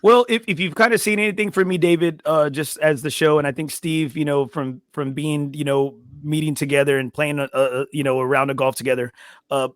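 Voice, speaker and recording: A coach in his forties, on a podcast as a guest, chats casually in a blunt, unfiltered way and swears freely. His voice sits on the high side with a steady tone and brisk pace, captured as a dry, clean studio recording.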